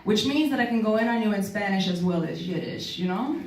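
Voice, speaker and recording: A woman's voice: medium pitch, expressive, a little fast, far from the mic. A woman from New doing a stand-up comedy set in a club, conversational and self-deprecating, teasing the crowd, a little tired. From New York City. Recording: roomy live club sound from off-mic. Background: audience laughter.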